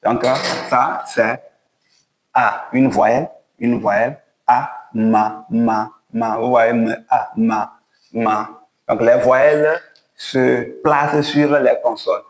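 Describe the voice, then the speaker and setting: A man's voice: mid-range voice, steady tone, echoey room, low-quality recording. A man teaching how to write and read the letters of an alphabet, guiding each stroke step by step in a patient way. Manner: slow, patient step-by-step instruction. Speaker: language teacher. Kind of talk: writing lesson at a board.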